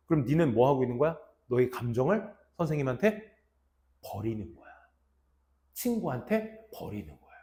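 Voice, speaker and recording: A young adult man teaching an English reading lesson in casual speech, often dropping to low mutters and acting out students' lines. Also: mellow. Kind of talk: classroom lecture.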